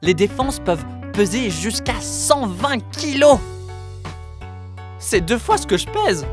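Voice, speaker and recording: A woman's voice: medium pitch, big pitch swings, slow pace. A woman hosting a children's educational video, playful and exclamatory, with jokey asides to the animals. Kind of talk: lively presenting to children. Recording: music playing under the voice.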